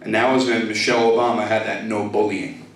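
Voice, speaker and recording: A man's voice: lowish voice, level tone, a little fast, a little hiss or hum. A man in his thirties doing a profane stand-up comedy set, working the crowd in a comedy club. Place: comedy club stage with laughing audience. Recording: echoey club, distant mic, crowd laughter.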